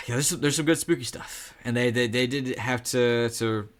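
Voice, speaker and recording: A man's voice: mid-range voice, normal speed. A man co-hosting a casual movie podcast, talking in a loose, rambling way with restarts and repeated words. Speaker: podcast co-host.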